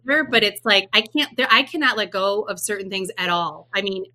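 A woman's voice: mid-range voice, brisk, pushed and bright. A woman entrepreneur in a casual panel chat on a video call, speaking frankly and correcting herself as she goes. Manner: frank, rambling, self-correcting. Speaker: entrepreneur guest.

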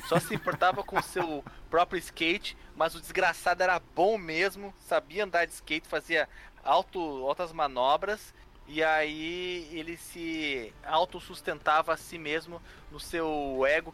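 A man's voice: a little high, bright, forceful tone. A man with a Brazilian Portuguese accent co-hosting a podcast, joking and rambling through playful theories. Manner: jokey, rambling speculation with laughs. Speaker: podcast co-host. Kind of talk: casual comedic podcast banter.

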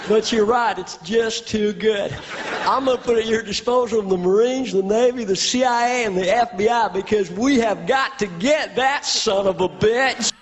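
A male comedian playing a gruff, blustering older president who barks orders in a stand-up bit. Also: normal speed, faint music behind, close to an everyday voice. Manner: gruff, booming, swearing. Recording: lo-fi live hall recording.

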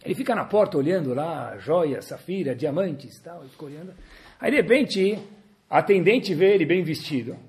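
A man's voice: fairly high pitch, a little fast. A middle-aged man, a religious teacher giving a sermon and animatedly telling a story. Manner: animated storyteller, acts out voices.

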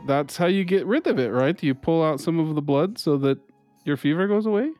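Male player, jokey, voice sits a bit high, light music underneath. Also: lively intonation, fairly quick, a little mellow, no room sound. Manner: playful, laughs often. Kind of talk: casual in-character banter.

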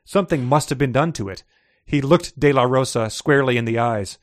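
A man's voice: medium pitch, brisk, no room sound, studio quality. A man hosting a podcast who reads story excerpts aloud, chats casually and laughs often. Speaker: podcast host.

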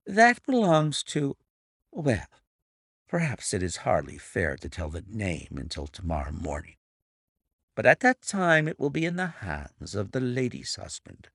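A man performs a silky, middle-aged blackmailer who purrs his threats with false pity. The voice sits noticeably higher and glides through big rises and falls at an unhurried pace. A gravelly edge runs under the oily charm, recorded dry and close. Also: wildly swooping pitch, a bit bright, dry recording, heavily acted. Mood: mock-pitying. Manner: oily, unctuous, mock-sympathetic. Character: smug, purring male blackmailer, middle-aged. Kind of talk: audiobook character reading.

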